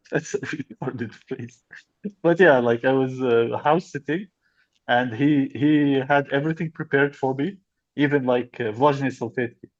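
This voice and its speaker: A young man co-hosting a comedy podcast, talking in halting, rambling bits and laughing often. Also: medium pitch, no echo. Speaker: podcast co-host. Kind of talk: casual comedy podcast chat. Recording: dry, dull lo-fi sound.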